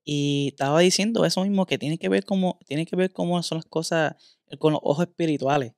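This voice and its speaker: A man's voice: a little high, fairly quick, gravelly, darkish tone, dry recording. Man telling a candid story. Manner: candid storytelling, mixes in English words. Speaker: podcast host.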